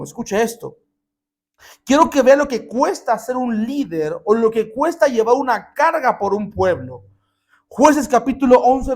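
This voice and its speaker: A male pastor preaching a live sermon to his congregation. He swings between shouted exclamations and hushed asides, quizzes the crowd, and acts out scripture scenes as dialogue. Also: extremely high pitch. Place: church service with a congregation.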